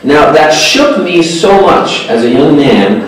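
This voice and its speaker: A man telling a personal story in a sermon to religious teachers, animated and self-deprecating. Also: on the high side, takes it slowly. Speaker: speaker addressing religious teachers. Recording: echoey hall from far off, faint noise.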